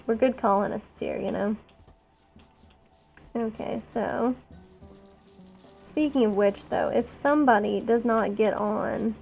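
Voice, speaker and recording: A woman's voice: a little high, vocal fry, warm tone. A woman streaming a colony-building game, chatting casually with rambling, self-deprecating asides. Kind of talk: casual gameplay commentary.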